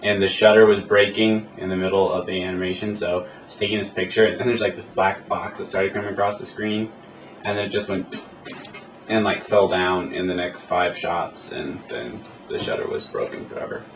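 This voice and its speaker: A man's voice: low voice, steady tone, normal speed, over music. A man who works as an animator, chatting casually in an interview and telling rambling, self-amused stories. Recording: echoey room, mic at a distance, faint hiss.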